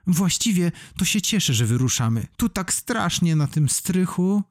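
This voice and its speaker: A man voicing a small, timid, friendly zombie in a children's audiobook, in a raised, slow voice. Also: high-pitched, very animated, no echo, studio quality, voice pushed up, heavily acted.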